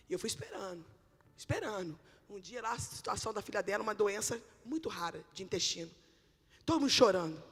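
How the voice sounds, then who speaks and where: Woman pastor, impassioned testimony-driven sermon, cutting tone, long hall echo. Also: mid-range voice. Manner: impassioned preaching, swinging from shouted exhortation to lively storytelling. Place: church sanctuary. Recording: long reverb of a church hall.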